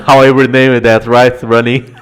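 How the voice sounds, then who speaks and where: A male streamer talks his viewers through a strategy-game series in a loose, casual way. He chats with the audience between plays, laughs often and swears freely. His voice sits at an everyday middle pitch. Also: level tone, slow, smooth.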